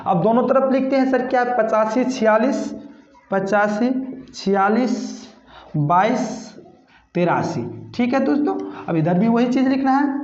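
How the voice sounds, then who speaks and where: A man's voice: high voice, a little mellow. Man teaching math in an echoey room. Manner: repetitive, counts digits aloud slowly, calls listeners "sir" and "babu". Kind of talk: step-by-step classroom math lesson. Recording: echoey room, dull lo-fi sound.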